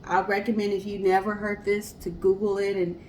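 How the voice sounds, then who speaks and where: A woman with a medium-pitched, level voice speaks a little fast, her tone darkish. She co-hosts a casual story podcast, telling history and addressing the audience directly. There's a roomy echo and obvious hiss behind her.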